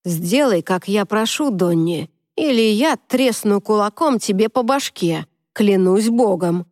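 A forceful young man in a storybook reading, as a woman narrator takes on his lines, speaking low, even and threatening. The voice is mellow and dark, close to the mic in a dry room. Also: a little slow, dry recording, close to an everyday voice. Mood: menacing.

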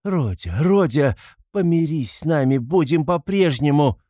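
A man putting on a shrill, frightened old mother. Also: lively intonation, unhurried, warm tone, dry recording, clean studio sound. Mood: pleading. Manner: high, shrill, pleading cries. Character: frightened older mother, pleading and tearful.

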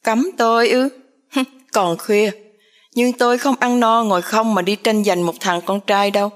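A woman's voice: mid-range voice, steady tone, measured pace, close to an everyday voice. A woman voicing a proud young teacher who talks back sharply. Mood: defiant. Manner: defiant, sharp-tongued.

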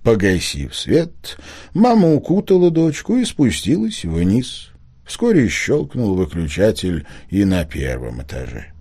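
Expressive man reading a storybook. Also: on the low side, measured pace, husky. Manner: expressive, animated. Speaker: narrator.

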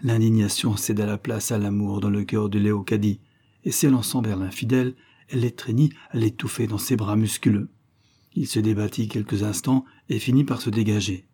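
A man narrates a nineteenth-century novella in measured, scripted reading. His voice is soft and dark with a slightly husky grain. He rises in pitch whenever a character speaks. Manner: reads calmly, lifting pitch for quoted speech. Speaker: audiobook reader.

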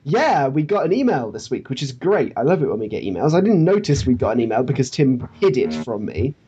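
A man co-hosting a podcast in relaxed, joking conversation. His voice is husky and mellow, and his pitch moves around a lot. The recording sounds dull and lo-fi. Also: a little fast. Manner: joking, laughs often. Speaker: podcast co-host. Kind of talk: casual podcast chat. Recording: dull lo-fi audio.

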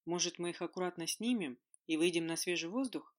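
A man's voice: high-pitched, fairly quick, lightly acted. A reader voicing a grumpy, sarcastic adult man who grumbles and mocks his friends. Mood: gentle. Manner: grumbling, mocking.

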